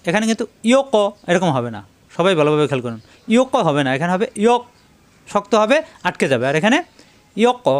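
A man teaching Quran recitation rules, patiently repeating each sound to show the difference. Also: high-pitched. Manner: recites verses in slow drawn-out chant. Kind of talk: tajweed lesson.

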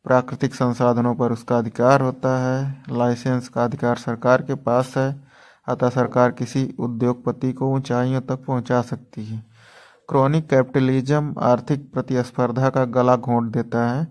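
A man explaining an economics topic in a measured, textbook-like lesson style. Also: medium pitch, flat delivery, a little mellow. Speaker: educator.

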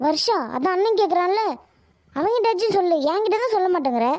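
A woman's voice: very high-pitched, expressive, a little mellow, dry recording. A woman voicing an impatient cartoon mother who nags and fires off questions. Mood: scolding. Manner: nagging, rapid questions. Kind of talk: cartoon voice acting.

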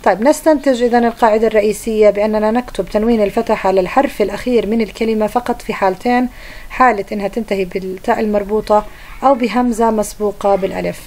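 A woman's voice: medium pitch, steady tone, rapid-fire, darkish tone. A young woman teacher, patiently explaining a grammar lesson to pupils and often checking that they follow.

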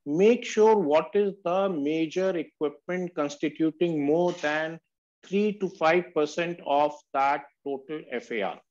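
High-pitched man, dull call audio. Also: measured pace, a little mellow. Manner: emphatic, addresses listeners as sir. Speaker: valuation instructor. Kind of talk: explanatory online lecture with questions and answers. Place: online group video call.

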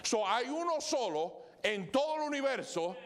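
High-voiced Spanish-speaking pastor preaching. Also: male voice, very animated, measured pace. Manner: preaching with sweeping rises and drops in pitch; mixes English fillers into Spanish. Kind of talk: sermon with live illustrations. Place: church sanctuary.

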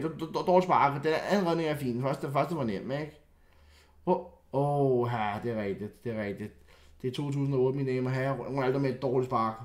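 A young man giving casual, excitable commentary while reacting to football clips, often stammering and restarting, loud outbursts dropping to low muttering. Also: roomy sound.

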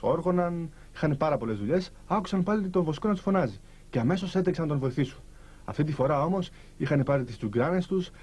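Male storyteller, husky tone, lively up-and-down delivery in short phrases. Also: on the high side. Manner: lively, animated, pausing between short phrases. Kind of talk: storytelling to listeners.

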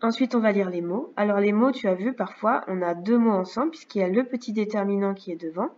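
A woman teacher talks a young child through a home lesson, patient and unhurried, pausing to check in. Her voice sits at an ordinary pitch. It is recorded on a computer mic that sounds a little dull and lo-fi. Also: darkish tone, slight background noise. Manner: patient, slow and clear, checks in with "d'accord?". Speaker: first-grade teacher. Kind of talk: remote lesson narration over slides.

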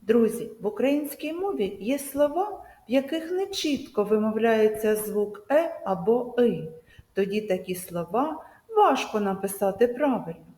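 A woman teacher giving a video lesson to children, speaking slowly and emphatically and drawing out example words. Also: on the high side, lively intonation, dark tone. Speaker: primary school teacher. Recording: echoey room with long reverb.

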